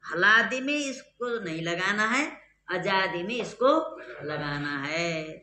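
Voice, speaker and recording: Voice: mid-range voice, animated, measured pace, sharp tone, slight background noise. A grammar teacher giving a classroom lecture, explaining step by step and quizzing the students. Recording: echoey room.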